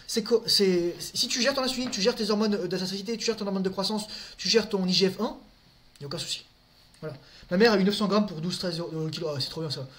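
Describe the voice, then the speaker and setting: High-voiced man in loose, crude chat. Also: fast talker, fairly bright tone. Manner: crude slang, repeats words, talks to his audience directly. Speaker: streamer answering viewers' questions. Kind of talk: casual live chat.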